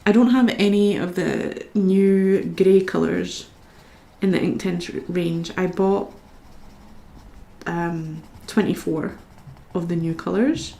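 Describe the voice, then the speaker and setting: Chatty Scottish woman with a creaky voice. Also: lowish voice, steady tone, slow, dark tone, echoey room. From Scotland. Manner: chatty, talks to viewers while working. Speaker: live stream host. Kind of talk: casual chat while colouring.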